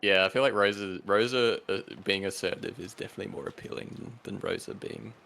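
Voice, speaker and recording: A man's voice: on the low side, fairly even intonation, fast, creaky, sharp tone, slight background noise. A man chatting casually as co-host of a game stream. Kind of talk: casual chat.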